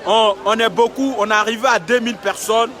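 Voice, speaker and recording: This young live-streaming vlogger, outdoors at a city street camp with his phone held up, talks briskly in a high, pushed, bright voice with a steady tone. He's emphatic and repetitive, urging viewers, and some chatter is audible behind him.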